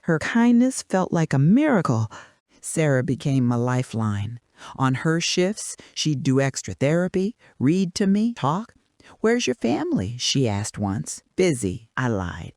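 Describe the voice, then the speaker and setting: An older woman tells her own life story in scripted narration, dropping short clipped lines for drama. Her pitch rises and falls in a lively way. The sound is dry and close. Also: a little slow, dry recording.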